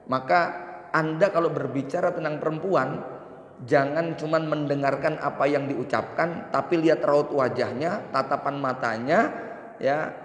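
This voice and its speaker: Joking man preaching in an echoey mosque. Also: on the high side. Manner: humorous, acts out husband and wife exchanges. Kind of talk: mosque lecture sermon. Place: mosque hall. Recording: echoey reverberant mosque hall.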